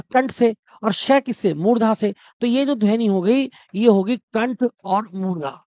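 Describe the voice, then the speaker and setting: In a dry, dull, lo-fi recording without room sound, a man's extremely high, slightly mellow voice leads a Hindi exam-prep lesson. He explains step by step, poses his own questions and answers them, and addresses his students as brother and friends.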